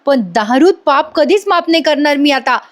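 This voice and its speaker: A woman's voice: sits high, lively intonation, normal speed. A woman doing an angry drunken uncle. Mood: accusing. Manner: loud, accusing. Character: drunken angry middle-aged uncle shouting.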